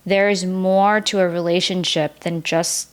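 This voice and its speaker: Speaking unhurriedly in a lowish voice with fairly even intonation, a US woman in her early thirties who grew up speaking Vietnamese reflects openly on her life as a guest on a podcast. The conversation is casual, and she leans on "like" as filler.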